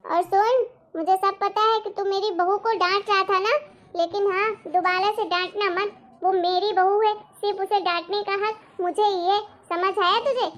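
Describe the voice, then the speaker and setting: Woman doing a bossy cartoon mother-in-law, scolds a lot, voice pitched very high. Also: fairly even intonation, normal speed. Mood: stern. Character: stern scolding middle-aged mother-in-law. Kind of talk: cartoon voice acting.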